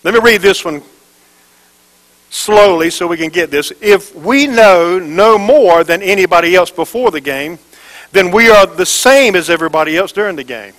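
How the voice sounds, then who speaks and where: A man's voice: high-pitched, moderate pace, a bit bright, low-quality recording. A man preaching a sermon to a church congregation, asking for amens, repeating phrases for emphasis and firing off rhetorical questions. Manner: call-and-response, asks the congregation for amens. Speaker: pastor.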